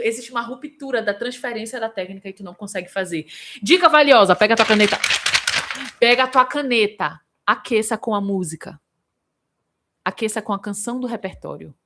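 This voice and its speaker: A woman vocal coach in Brazil, teaching a live singing lesson and answering viewers by name. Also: a little high. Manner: lively, demonstrative, breaks into vocal examples.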